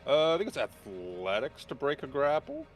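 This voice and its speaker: A man's voice: mid-range voice, wildly swooping pitch, normal speed, soft background music. A man speaking casually as the game master of a tabletop role-playing session, explaining rules and calling turns.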